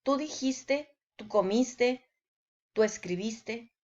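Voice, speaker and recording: A woman, giving a scripted language lesson in a deliberate way, with example sentences. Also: a little high, a little mellow, dull audio. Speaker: language teacher.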